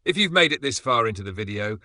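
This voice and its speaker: A man reading a scripted motivational voice-over as the channel's narrator, with measured, emphatic delivery and dramatic pauses. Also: medium pitch, very animated, sharp tone, dry recording, studio quality.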